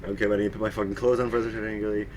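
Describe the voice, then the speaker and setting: A man's voice: fairly low pitch, level tone, rapid-fire, darkish tone, slight background noise, poor audio. A man reading fan fiction aloud on a live stream, with mocking asides, frequent laughter and swearing. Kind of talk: casual comedic dramatic reading.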